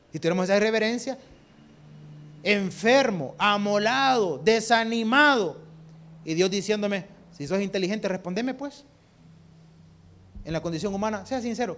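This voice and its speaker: A man with a Salvadoran Spanish accent preaches a sermon, firing rhetorical questions at the congregation, calling them brother, and drawing on homely examples. His voice sits high with a fairly bright tone.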